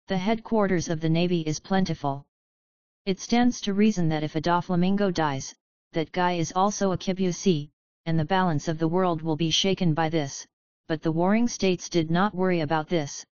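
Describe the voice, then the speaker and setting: A woman's synthetic voice narrating an audiobook in a flat, evenly paced reading, recorded with dull lo-fi sound. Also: on the low side, smooth, no echo.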